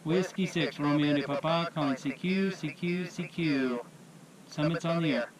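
A man's voice: a little high, a loud crowd, rough recording. Man making a ham radio call. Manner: measured, repeats call signs methodically. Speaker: portable ham radio operator. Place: outdoors on a mountain summit.

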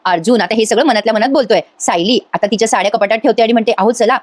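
Fast-talking woman retelling a TV serial. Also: a little high, no echo. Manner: chatty, addresses viewers directly, acts out dialogue while retelling. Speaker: TV serial episode reviewer. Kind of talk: casual retelling of a TV episode.

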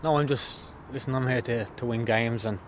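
A man in his thirties, a footballer giving a post-match interview outdoors by the pitch, plain-spoken and repeating words as he thinks. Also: fairly even intonation, moderate pace, slight background noise.

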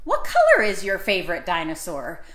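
A woman's voice: lowish voice, huge pitch swings, moderate pace, a bit bright, echoey room. A woman hosting a children's storytime, reading picture books aloud and coaxing the kids to join in. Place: indoors, seated with books on her lap. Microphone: camera in front of her.

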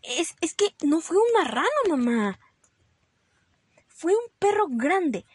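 A woman's voice: sing-song, takes it slowly, no room sound, heavily acted. A woman voicing a little boy rabbit who fibs, stammering and pleading in a storybook read-aloud. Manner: stammering, pleading and high-pitched. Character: fibbing little boy bunny, guilty and nervous.

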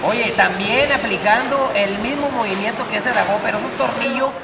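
Chatty high-voiced Mexican wrestling commentator, male. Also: moderate pace, gravelly. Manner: colloquial, animated asides. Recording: loud crowd and venue noise.

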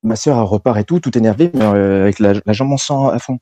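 A man's voice: fairly low pitch, fast, warm tone. A young man calling in and telling a long story in casual slang, rambling with lots of fillers. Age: young adult.

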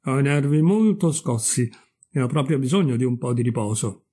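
A pompous firework rocket from a fairy tale, voiced by a man, all self-importance and wounded dignity. The voice is mellow and dark with a faint husk, lofty and self-pitying as it speaks. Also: medium pitch, animated, normal speed, breathy edge. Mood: haughty.

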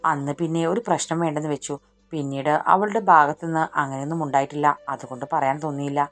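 A woman voicing a gentle, worried young mother who speaks softly and earnestly in a storybook reading. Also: deep voice, fairly even intonation, quick pace, soft background music, lightly acted.

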